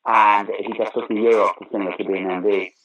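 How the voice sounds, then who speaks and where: A former opera singer turned pantomime actor, now older, shares theatre anecdotes in an interview, dramatizing what people said with a theatrical, emphatic flair. His lowish voice is fairly bright and steady in tone, and he talks briskly. The audio is poor.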